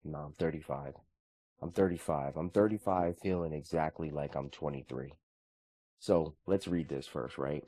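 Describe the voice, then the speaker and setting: A thirtysomething man vlogs about how he starts his mornings and about his faith, using an extremely low, slightly rough voice at normal speed. He comes across as earnest and relaxed, frequently restarting as he chats.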